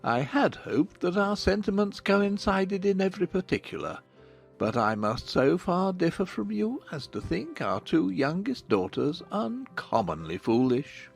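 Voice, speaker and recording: Man acting a drawling, sardonic gentleman father. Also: high voice, sing-song, creaky, faint music behind, exaggerated voice. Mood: cool, mocking. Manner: coolly deliberate, drawling irony. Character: dry, sardonic middle-aged gentleman father. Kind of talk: dramatized audiobook acting.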